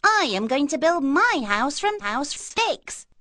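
A woman voicing cheeky little pigs in a storybook, with a high, bouncy voice. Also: very animated, takes it slowly, bright, forceful tone, no echo, studio quality, heavily acted. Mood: boastful. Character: squeaky little piglets, young and cheeky.

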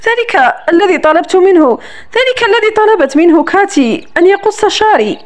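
A woman's voice: very high voice, very animated, moderate pace, voice pushed up. A woman reading the lines of an eager, emotional young woman in love, in a romance audiobook.

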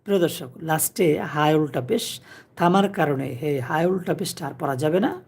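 A man from Bangladesh teaching Quran recitation to viewers, chanting verses slowly and drawn out, then explaining pronunciation quickly. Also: a little high, vocal fry, a little mellow, husky. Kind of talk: tajweed lesson for viewers.

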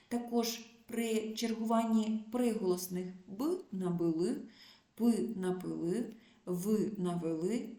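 A woman teacher leads a distance lesson for schoolchildren, pronouncing each example word with calm, measured care. Her voice is soft and mellow, and the recording carries a noticeable room echo. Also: mid-range voice. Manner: clear, measured dictation of word pairs. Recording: echoey room.

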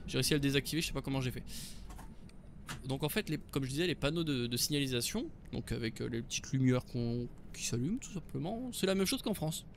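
A man's voice: medium pitch, expressive, fast talker, gravelly, a little hiss or hum. A man giving casual, joking commentary on a game he is playing. He talks chattily and corrects himself often. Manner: chatty, joking, many fillers and self-corrections. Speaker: gaming video host. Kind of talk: casual let's-play commentary.

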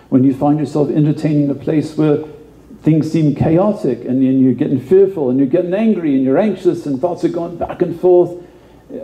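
A man's voice: a little high, echoey room, highs cut off. A male pastor giving a conversational sermon, often repeating words and adding asides.

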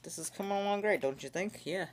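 A woman's voice: mid-range voice, quick pace, a little hiss or hum. A young woman chatting casually to her camera as she builds a toy kit, joking, swearing at stray pieces and singing silly rhymes under her breath. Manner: rambling, joking, sings silly rhymes to herself. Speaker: vlogger. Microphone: phone camera aimed at hands.

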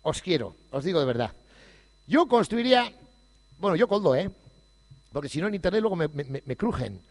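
Male speaker, higher pitched, cracks jokes and curses through a festival speech, long hall reverb. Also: sing-song, a little fast. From Basque Country. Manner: irreverent, joking, swears freely. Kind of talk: humorous public speech.

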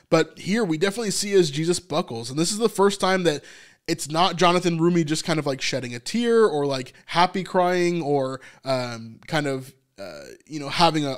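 A man giving a casual, chatty recap of a TV episode, with lots of fillers and frequent small laughs. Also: fairly high pitch. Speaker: TV episode reviewer.

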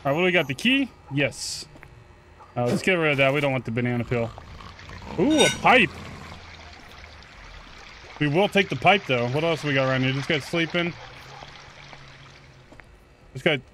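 A gaming YouTuber with a fairly high, animated voice offers casual, slangy gameplay commentary at a moderate pace, with long pauses. He swears and talks back to the game's characters, with video game music and a noisy background behind him.

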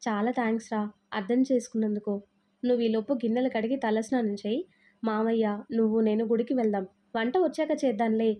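A woman's voice: a little high, fairly even intonation, highs cut off, lightly acted. A woman voicing a bossy, thrifty mother-in-law. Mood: soft. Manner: commanding, brisk.

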